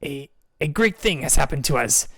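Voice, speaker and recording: A man's voice: on the high side, lively intonation, normal speed, a bit bright, no echo, studio quality. A man voicing a formal male penguin guard who announces the king in a tabletop game. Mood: urgent.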